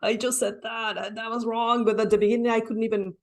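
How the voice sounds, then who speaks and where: A Mexican woman speaking English as a second language, with a Mexican Spanish accent, tells her story earnestly and reflectively as a podcast guest in a conversational interview. Her voice is a little high with little pitch movement and a slightly fast pace, and she often tags sentences with "right?".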